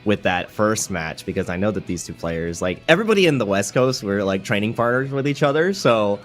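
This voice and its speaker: A man commentating a fighting game tournament, jokey and quick to laugh. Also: fairly low pitch, soft background music. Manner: laughs often, jokey and excitable. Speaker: esports commentator.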